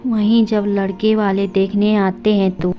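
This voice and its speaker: A woman tells a story in a plain, even storytelling voice of middle pitch with little rise and fall. The narration sounds dull and lo-fi. Soft music plays underneath. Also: a little slow.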